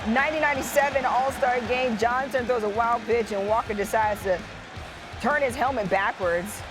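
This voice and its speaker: A woman presents a top ten sports countdown as a co-host. Her voice sits high, and she drops playful, chatty asides into the highlight commentary. Music plays prominently behind her. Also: normal speed. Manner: conversational asides and playful reactions. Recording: loud music bed behind voice.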